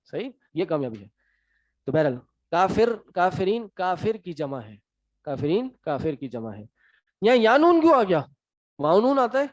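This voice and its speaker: A man with a Pakistani Urdu accent teaching a lesson, quizzing his students in a brisk, encouraging way. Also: sits high, very animated, no room sound. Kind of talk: classroom lecture. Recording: dry, slightly dull sound.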